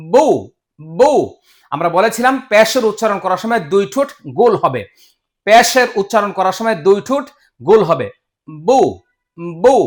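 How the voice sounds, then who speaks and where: A man leads a step-by-step Quran recitation lesson. He speaks very slowly and deliberately, sounding out each letter and repeating syllables many times. His delivery is patient and instructional. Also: sits high, sharp tone. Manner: patient, drills syllables over and over, drawn-out sounds. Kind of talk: slow step-by-step pronunciation lesson.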